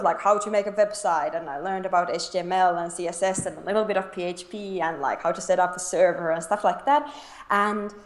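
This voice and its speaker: A woman's voice: mid-range voice, roomy sound. A young woman from Finland, chatting as an interview guest, laughing often and restarting her sentences. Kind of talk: casual interview chat.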